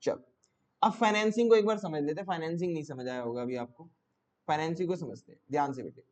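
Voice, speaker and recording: A man's voice: a little high, fast talker, a little mellow. A male teacher giving a classroom lecture, repeating each question to his students and coaxing answers out of them. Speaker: commerce teacher.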